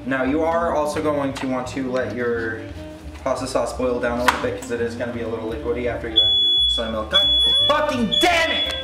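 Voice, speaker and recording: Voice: medium pitch, steady tone, fast, recorded from a distance. A drunk home cook giving a casual, rambling, profanity-laced cooking tutorial. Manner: tipsy, rambling, crude swearing. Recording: roomy kitchen, off-mic, loud music behind. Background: loud music, sizzling pan.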